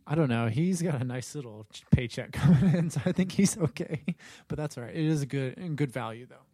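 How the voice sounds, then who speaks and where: A man's voice: a little high, expressive, fairly quick, dark tone, breathy edge, no echo. A young man co-hosting a casual podcast, upbeat and steering the talk between segments. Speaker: podcast co-host. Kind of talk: casual chat.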